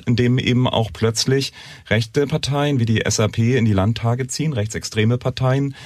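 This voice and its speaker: A man's voice: medium pitch, a little mellow, no room sound. A man speaking as a guest historian in a panel discussion, fluent and explanatory, laying out points in a row.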